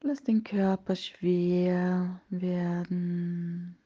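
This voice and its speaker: A woman guides a meditation in a soft, breathy voice, partly whispered, soothing and hushed, leaving long pauses between phrases. Her pitch is fairly low and her tone level, and the recording is muffled.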